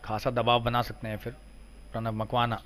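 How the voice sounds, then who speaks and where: A man giving excited live cricket commentary as a sports commentator. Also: medium pitch, fairly quick. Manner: excited cricket commentary, voice surging on big shots.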